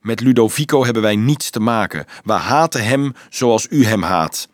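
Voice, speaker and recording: A man's voice: lowish voice, lively intonation, normal speed, no echo, natural voice. A brave teenage boy from a storybook, earnest and pleading, his voice pushed up and raised above ordinary talk, as a male reader puts him on. The sound is dry and close, with no room around it.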